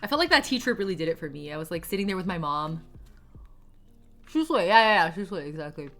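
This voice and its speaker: Late-twenties woman streamer, rambling giggly chatter, bright edge, soft music underneath. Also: fairly low pitch, animated, a little fast. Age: 20s. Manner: rambling, giggly, swears casually. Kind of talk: casual chat with live chat.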